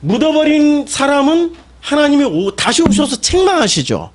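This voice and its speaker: High, lively-voiced male pastor preaching. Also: moderate pace. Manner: asks the congregation rhetorical questions and answers them himself; emphatic, with sudden loud exclamations. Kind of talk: sermon.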